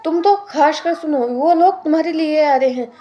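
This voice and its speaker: Here is a woman playing a bossy, sharp-tongued spouse from a storybook drama, always scolding and giving orders. The voice is very high. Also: normal speed, lo-fi sound, soft background music, close to an everyday voice. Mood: stern.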